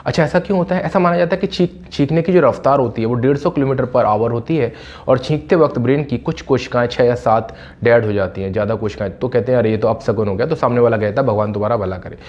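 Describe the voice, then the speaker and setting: A man teaching spoken English in a casual, chatty way, slowing down and repeating words for emphasis. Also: mid-range voice, darkish tone. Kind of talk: casual classroom-style explanation. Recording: slightly dull lo-fi audio.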